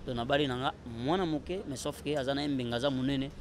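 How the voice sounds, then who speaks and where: Here a thirtysomething man with a Congolese accent, medium-pitched and quick, gives relaxed interview answers as a guest while code-switching. A handheld interview microphone picks him up outside amid noticeable noise.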